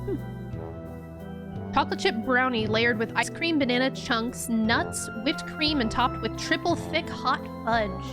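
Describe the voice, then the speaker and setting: Sex: woman. Role: streamer. Style: casual game commentary. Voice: somewhat high, chatty, with game music faintly behind. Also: slow. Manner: chatty, excitable, self-deprecating.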